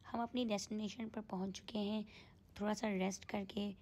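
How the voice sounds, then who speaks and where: A woman's voice: medium pitch, little pitch movement, moderate pace, darkish tone. A woman narrating her own travel vlog, pointing out the sights to her viewers along the way. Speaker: travel vlogger.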